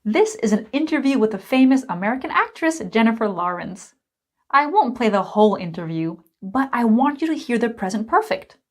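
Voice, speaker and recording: A woman teacher giving a recorded English grammar lesson, explaining each point slowly and with clear emphasis. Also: a little high, very animated. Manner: slow, deliberate, emphatic explaining.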